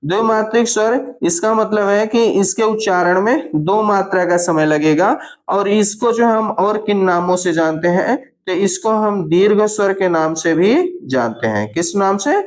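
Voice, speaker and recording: A woman teacher going through exam answers, repeating key terms and asking and answering her own questions. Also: mid-range voice. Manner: spells out words slowly while writing. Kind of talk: exam answer walkthrough lesson.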